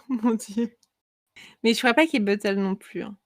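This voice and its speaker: A woman co-hosting a casual podcast chat, giggly and quick, often breaking off mid-sentence. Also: on the high side. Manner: giggly, quick, easily distracted. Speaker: podcast co-host.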